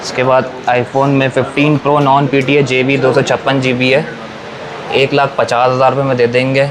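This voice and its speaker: A man with a Pakistani accent working as a phone seller, giving a repetitive sales pitch that lists models and prices. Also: level tone, normal speed. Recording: noisy room with clear background noise.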